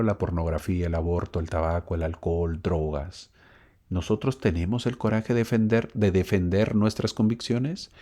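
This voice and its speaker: A man's voice: deep voice, darkish tone. A man teaching a church lesson, telling stories, asking listeners questions and reading verses aloud. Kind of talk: recorded scripture lesson.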